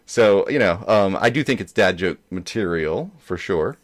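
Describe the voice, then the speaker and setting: A man's voice: low voice, animated, moderate pace. A man hosting a joke show in casual chat, rambling along with many hesitations. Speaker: host of a dad joke show.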